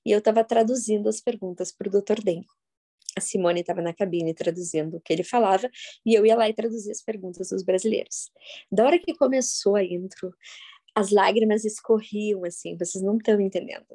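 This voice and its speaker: A woman, giving a live workshop talk to an audience, telling stories in a jokey, animated way with sudden loud, high bursts. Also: brisk. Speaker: workshop facilitator.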